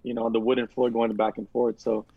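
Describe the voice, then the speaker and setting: A man from San Francisco telling animated stories in casual chat, often slipping into impressions of family and neighbors. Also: mid-range voice, fast talker, no echo, narrow, tinny audio.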